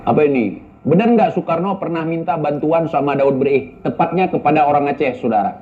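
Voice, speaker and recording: A man's voice: fairly high pitch, animated, fairly quick. A man giving casual spoken commentary and answering viewer questions, blunt and scolding, full of rhetorical questions. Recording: tinny phone-like audio.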